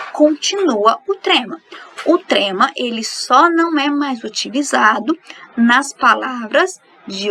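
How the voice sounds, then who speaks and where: Woman teacher, fairly high and gravelly, recorded lesson, light background hiss. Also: a bit bright, low-quality recording. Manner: explanatory, asks and answers her own questions. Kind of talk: recorded online grammar lesson.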